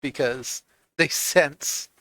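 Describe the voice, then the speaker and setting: A man narrating as game master of a tabletop roleplaying game, piecing scenes together haltingly as he goes. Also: mid-range voice, sharp tone, no echo, low-quality recording.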